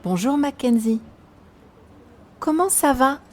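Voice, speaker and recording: A man voicing a friendly young French man in a scripted language-lesson dialogue, with slow, carefully enunciated phrases. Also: very high voice, animated.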